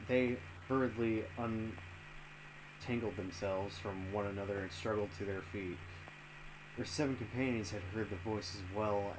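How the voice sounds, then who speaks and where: Male game streamer, lowish voice, storybook read-aloud with casual self-correcting asides, noticeable background noise. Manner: stumbles over words and corrects himself. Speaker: streamer reading a visual novel aloud. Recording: clearly noisy home stream recording.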